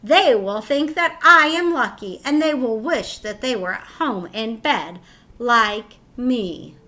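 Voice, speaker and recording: A woman voicing an anxious, stubborn schoolgirl in a children's picture-book read-aloud, with whiny, drawn-out complaints. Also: fairly high pitch, animated, bright, forceful tone, full character voice. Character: reluctant, anxious schoolgirl who hates her new school.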